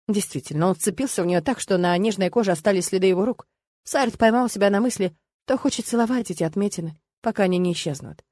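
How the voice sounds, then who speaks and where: A woman reads a romance novel aloud in an even, measured way. She sits close to the microphone and the room adds almost no reverb. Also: mid-range voice. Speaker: audiobook narrator. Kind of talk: scripted narration.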